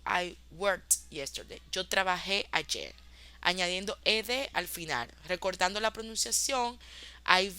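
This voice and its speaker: Woman teacher, clear bright tone, patient review of course modules. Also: mid-range voice. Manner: explains in Spanish, slowly models English examples. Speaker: English teacher. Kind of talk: online class review.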